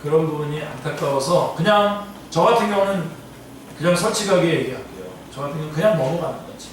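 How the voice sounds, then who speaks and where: A man's voice: a little high, lively intonation, fast, slight background noise. A man teaching an afternoon Bible study as a pastor, speaking in an earnest, exhorting way. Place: church sanctuary. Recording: echoey church hall from a distance.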